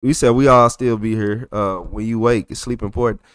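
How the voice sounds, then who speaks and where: A man's voice: on the low side, steady tone, moderate pace, clear, resonant tone, dry recording. A young man with a thick Texas accent, chatting loosely on a livestream and reacting to messages from his chat. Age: young adult. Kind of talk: casual livestream chat reading comments.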